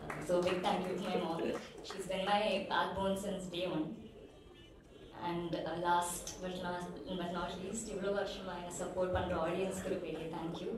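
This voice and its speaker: A young actress giving a thank-you speech on stage, mixing Tamil and English and running through a list of names with fillers. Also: female voice, fairly low pitch, slow. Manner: flat and steady, listing names with fillers. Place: large event hall. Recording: echoey hall from far off with crowd.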